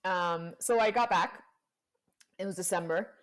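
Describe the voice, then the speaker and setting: Unhurried and lowish in voice, a young woman guest shares a personal story in a casual chat. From Panama and Colombia, she peppers it with "like" and acts out the voices she quotes.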